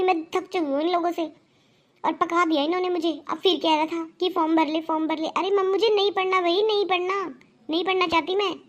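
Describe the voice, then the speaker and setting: Woman voicing a whiny spoiled young bride. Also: very high-pitched. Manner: whiny, complaining. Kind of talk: cartoon voice acting.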